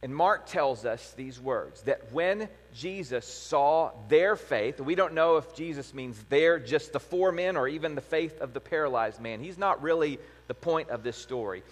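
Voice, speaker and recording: A man's voice: on the high side, animated, a little slow, hardly any pauses. A man with a slightly raised voice delivers a sermon, retelling a story with rhetorical questions. His voice rings out with a long hall reverb behind it. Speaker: pastor.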